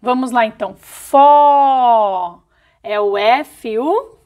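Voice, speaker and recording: Teacher lady talking to little kids, high voice, goes really slow, sounds out each syllable. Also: expressive, narrow, tinny audio. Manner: slow, careful syllable-by-syllable dictation. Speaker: primary school teacher. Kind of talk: video lesson for young children.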